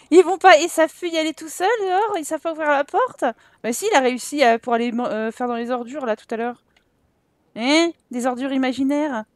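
A woman commenting on her life-sim game playthrough in a chatty, animated way, laughing often and exclaiming at what happens on screen. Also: high voice, dry recording. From France. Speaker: gaming YouTuber. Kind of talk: Let's Play commentary.

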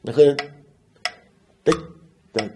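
A man teaching metronome practice in a casual lesson, counting beats aloud and humming a melody slowly. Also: mellow, slight background noise. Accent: Persian. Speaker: music teacher.

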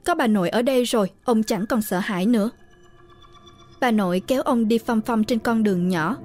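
A woman reading a horror story aloud in a steady, measured narration. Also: a little high, faint music behind.

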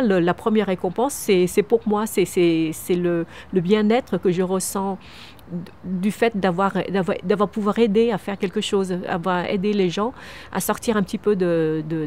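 In an outdoor interview on a tree-lined wooden terrace, the Vietnamese founder of a microcredit charity, a woman in her fifties, replies earnestly and often restarts or repeats words. Her voice is mid-range and a little mellow, at a normal speed.

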